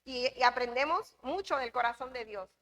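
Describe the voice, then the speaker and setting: A woman from the Dominican Republic teaches a church Bible class emphatically, repeating key phrases and questioning the class. Her voice is high-pitched and a bit bright, at a normal speed.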